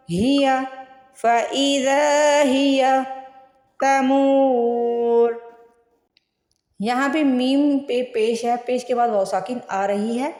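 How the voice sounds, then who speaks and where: A woman teaching Quran recitation word by word. She draws each word out slowly and then explains it in plain speech. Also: a little high, a little mellow. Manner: slow drawn-out recitation between plain explanations. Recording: echoey room with long reverb.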